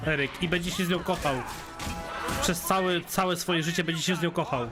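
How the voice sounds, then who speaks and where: A man's voice: fairly high pitch, steady tone, moderate pace. A man doing casual live game commentary as a streamer, with a joking, sarcastic way of talking. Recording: loud game music behind voice. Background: game music.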